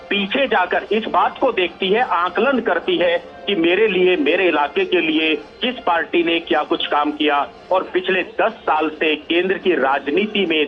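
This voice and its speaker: High-voiced male news analyst, repetitive. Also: muffled recording. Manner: measured, repeats phrases for emphasis. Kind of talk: live news commentary.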